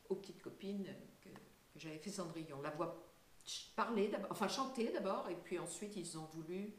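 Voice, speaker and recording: A woman's voice: lowish voice, moderate pace, echoey room, slight background noise. An older woman being interviewed, talking casually and hesitantly with many fillers and light laughs. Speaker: singer and voice actress, guest.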